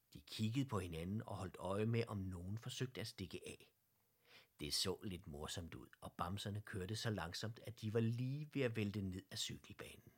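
Man reading a children's story, low husky voice. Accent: Danish. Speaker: narrator.

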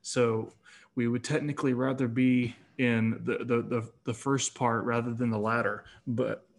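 A guest author in his twenties talks earnestly in a casual interview, with many restarts and fillers. His medium-pitched voice is gravelly, flat and unhurried.

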